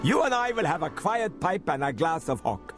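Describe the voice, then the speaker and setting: A man voicing an old toymaker who speaks calmly and gravely. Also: a little high, moderate pace, music in the background, voice pushed up.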